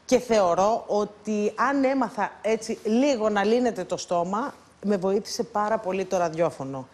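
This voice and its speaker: A woman with a mid-range, slightly mellow voice speaks over faint background music. As a guest mentor on a presenter contest show, she coaches the contestants casually, teasing them playfully and calling them pet names.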